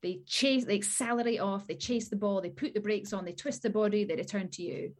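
A woman's voice: mid-range voice, steady tone, a little fast, darkish tone. A woman guest in a casual chat, explaining practical dog-training advice with many fillers.

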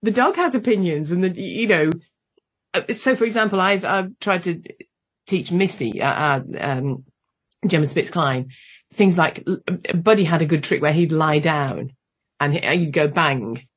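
A woman's voice: low-pitched, measured pace, husky. A British woman hosting a podcast interview, chatting casually with frequent restarts and laughs. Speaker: podcast host.

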